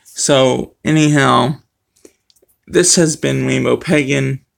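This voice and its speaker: Gravelly man with a speech impediment. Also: medium pitch, fairly even intonation, slow. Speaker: vlogger. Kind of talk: casual talk to camera. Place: small room at home. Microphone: webcam or phone close to face.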